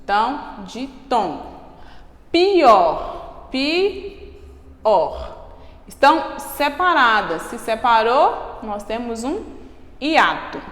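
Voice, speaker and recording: A Brazilian woman teaching a school grammar lesson, slowly spelling out syllables and checking in with "ok?". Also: a little high, big pitch swings, a bit bright. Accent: Brazilian Portuguese. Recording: echoey room with long reverb.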